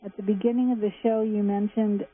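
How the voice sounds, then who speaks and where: A woman's voice: medium pitch, little pitch movement, a little fast. A woman in her seventies calling into a radio show, chatty and detailed. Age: 70s. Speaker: caller. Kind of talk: phone-in question. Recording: tinny phone line with faint hum.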